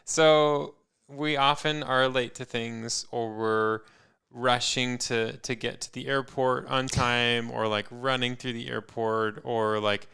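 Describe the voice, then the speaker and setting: A man's voice: mid-range voice, level tone, takes it slowly, creaky, pushed and bright, clean tone. A man co-hosting a podcast in casual chat, an easygoing storyteller who laughs often. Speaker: podcast co-host.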